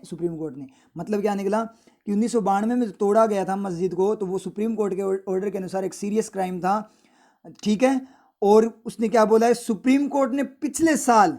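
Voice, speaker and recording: A man's voice: high-pitched, a little mellow. A man from India explaining an English newspaper editorial in Hindi mixed with English, asking and answering his own questions. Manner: reads English sentences slowly with stress. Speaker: English teacher.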